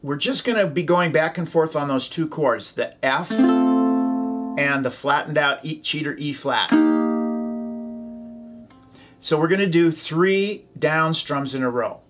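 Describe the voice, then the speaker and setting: Slow-talking man teaching ukulele over strumming. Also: a little high, over loud music. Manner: calls out chords and strums, chanting rhythm syllables. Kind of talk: instructional tutorial. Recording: ukulele playing behind the voice.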